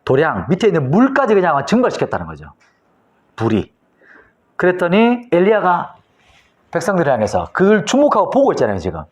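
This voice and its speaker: Korean guy pastor teaching bible class, lively up and down voice, acts out the stories, kinda high. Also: brisk, pauses often, muffled recording. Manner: animated storytelling, acting out scenes. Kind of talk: Bible lecture.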